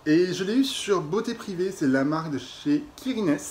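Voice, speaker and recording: French guy, young, fairly high voice, lively product-review chat, faint hiss behind. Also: normal speed. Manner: chatty, expressive, laughs and exaggerates. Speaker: beauty vlogger. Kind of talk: casual product review vlog.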